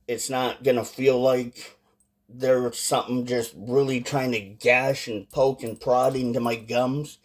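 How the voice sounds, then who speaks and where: Guy doing a casual review vlog, mid pitched voice, talks real slow and kinda halting. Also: a little mellow. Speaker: product reviewer.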